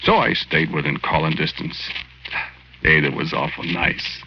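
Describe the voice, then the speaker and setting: A man's voice: extremely low pitch, animated, measured pace, slight background noise, exaggerated voice. A man acting in a 1940s radio drama as a good-hearted, sentimental ghost, telling his story in folksy, ungrammatical slang. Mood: folksy, eager. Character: good-hearted lovelorn working-class man's ghost, sentimental and naive. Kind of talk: 1940s radio acting, first-person narration. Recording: lo-fi 1940s radio recording, loud music.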